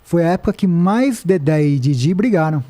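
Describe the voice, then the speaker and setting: A man with a Brazilian accent, a podcast guest who tells a story in an animated way and quotes people as he goes. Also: on the high side, moderate pace. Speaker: podcast guest, documentary director. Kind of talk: casual podcast conversation. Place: podcast studio.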